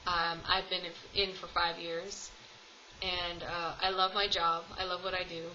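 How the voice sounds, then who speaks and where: With a lowish, flat, sharp-toned voice and a slightly slow pace, a US vlogger in her twenties chats to camera for a tag video. She's at home in a room with her cats, rambling and saying um a lot. The audio is dull with a little hiss or hum.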